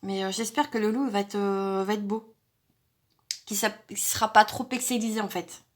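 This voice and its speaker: A woman's voice: mid-range voice, fairly even intonation, moderate pace. A woman vlogger chatting casually through an unboxing, thinking aloud with frequent hesitations and fillers. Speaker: crafting vlogger.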